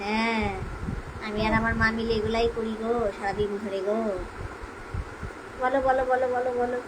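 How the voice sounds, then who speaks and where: High sing-song woman doing baby talk. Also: steady tone, moderate pace, noisy background. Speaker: mother live-streaming with her baby son. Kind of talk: casual live-stream chat.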